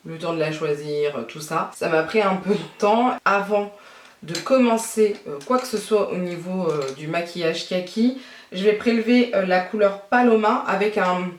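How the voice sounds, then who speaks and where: A woman's voice: fairly low pitch, normal speed, recorded from a distance, slight background noise. A young adult woman chatting casually through a makeup tutorial as a beauty vlogger, thinking aloud with many fillers. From France. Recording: echoey room.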